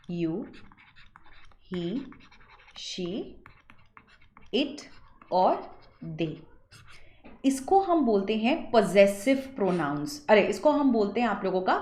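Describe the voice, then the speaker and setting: Slow-talking woman English teacher, echoey. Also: mid-range voice, darkish tone. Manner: mixes Hindi and English, asks students questions and answers them; slow, deliberate English phrases. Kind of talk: online exam-prep lesson.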